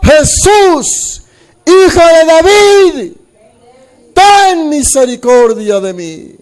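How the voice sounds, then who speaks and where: A man's voice: very high voice, fairly even intonation, takes it slowly, voice pushed up. A man voicing a desperate blind male beggar who cries out and pleads for mercy. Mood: pleading shout. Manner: shouting, pleading.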